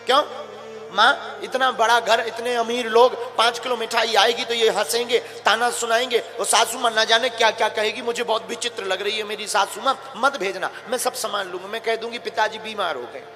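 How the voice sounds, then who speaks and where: A nervous young bride, proud and fretful, pleading earnestly in a high, bright voice, as a male preacher acts her out. A long hall echo hangs on every phrase, with soft music behind. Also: fairly even intonation, fairly quick. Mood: worried. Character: young newlywed daughter-in-law, nervous and proud.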